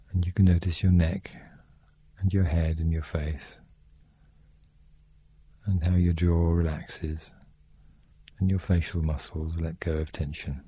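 A man guiding a sleep meditation in a slow, soft, soothing way. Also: extremely low pitch, slightly rough.

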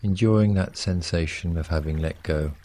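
With a low voice, a man leads listeners through muscle relaxation, his calm directions coming in brief, unhurried, soothing phrases.

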